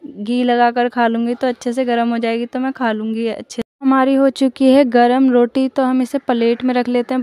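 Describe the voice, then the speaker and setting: A woman's voice: fairly high pitch, mellow, no echo. A young woman chatting casually through a voice-over for her daily vlog, rambling and often starting with "so guys". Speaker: vlogger.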